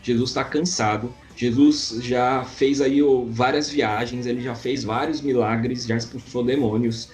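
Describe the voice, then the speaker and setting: A Brazilian man teaches a Bible passage in casual chat, talking to his co-host like a friend. His voice sits at a middle pitch. Faint music plays quietly behind him. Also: fairly even intonation, a little slow, few pauses. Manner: conversational, addresses partner as "cara". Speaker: Bible study podcast co-host.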